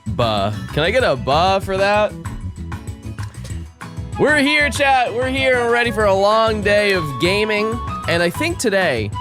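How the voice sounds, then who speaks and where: A man livestreaming through a headset mic with a sore throat. He swings between hyped shouting and mock-sad mumbling. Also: high-pitched, sing-song, unhurried. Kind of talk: casual livestream chat. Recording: game music playing behind.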